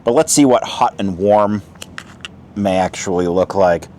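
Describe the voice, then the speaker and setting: A man's voice: lowish voice, measured pace, darkish tone. A man, chatting casually outdoors while tasting and reviewing a camp meal, talking with his mouth full. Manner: chatty, talks while eating. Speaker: outdoor vlogger. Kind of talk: casual food review vlog. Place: outdoor picnic spot.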